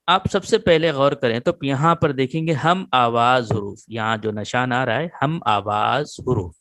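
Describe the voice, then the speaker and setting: A man teaching Quran reading in an online lesson, patiently repeating letters slowly for students to write down. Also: mid-range voice, fairly bright tone, dry recording.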